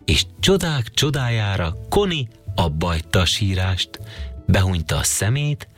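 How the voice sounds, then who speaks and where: Expressive male storybook narrator. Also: low voice, soft background music. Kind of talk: storybook reading.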